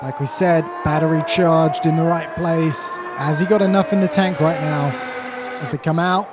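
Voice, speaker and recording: A man giving excited, urgent live play-by-play commentary on a sim race in short, clipped phrases. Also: on the high side, normal speed, background noise.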